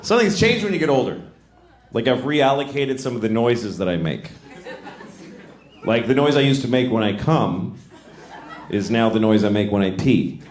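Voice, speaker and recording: A man's voice: mid-range voice, sing-song, normal speed, pauses often. A middle-aged man performing stand-up comedy, telling dry, self-mocking stories and slipping into acted-out voices. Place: live comedy venue. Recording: echoey venue with loud audience laughter.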